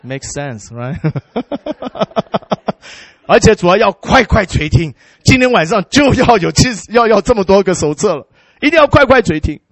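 High-voiced man preaching a lively sermon. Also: brisk, no room sound. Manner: animated, mixes English words into his speech; exclaims hallelujah and amen. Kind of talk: sermon storytelling.

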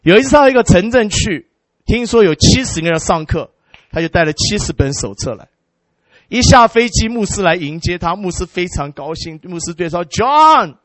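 A male preacher with a notably high voice tells a story to his congregation, bursting into hallelujah and amen. He talks in an animated way and mixes in English words. The recording is dry and close, with no room sound. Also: moderate pace, dry recording. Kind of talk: sermon storytelling.

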